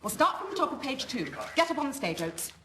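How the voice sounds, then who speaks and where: A bossy, impatient young toff. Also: female voice, high-pitched, sing-song. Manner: brisk, imperious, scolding. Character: bossy, impatient young upper-class woman. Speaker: organizer directing a village sketch. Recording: TV drama sound with loud background noise.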